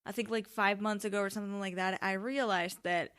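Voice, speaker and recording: A woman's voice: medium pitch, fairly even intonation, a little fast, a bit bright, smooth. A young woman of seventeen hosting a casual solo podcast in an informal, rambling way, often interrupting herself and wandering off on digressions. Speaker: podcast host. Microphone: microphone on a tripod.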